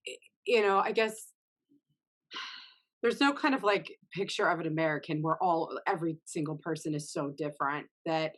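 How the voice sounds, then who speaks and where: Host: woman, slightly low pitch, loose conversational questions padded with fillers. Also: normal speed. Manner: conversational, many fillers while framing questions. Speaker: podcast host. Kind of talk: casual interview chat.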